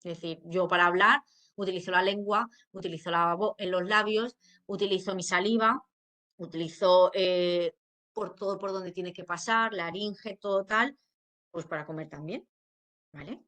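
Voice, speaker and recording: This woman speaks at a normal speed in a somewhat low voice with fairly steady intonation and a bright, forceful tone. She is a speech therapist with a Spain Spanish accent giving an informal educational talk, explaining patiently while using many fillers and frequently making sure her audience follows.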